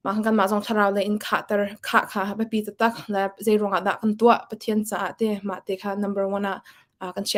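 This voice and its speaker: A woman speaks as a guest in an easy, conversational church ministry talk, slipping English words into her sentences. Her pitch is in the middle range for a woman.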